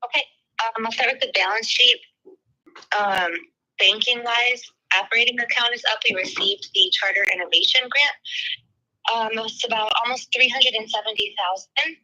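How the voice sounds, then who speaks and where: A woman heard over a speakerphone, reading a financial report in a steady, businesslike way. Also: a little high, normal speed, low-quality recording. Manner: steady, businesslike, walks through figures item by item.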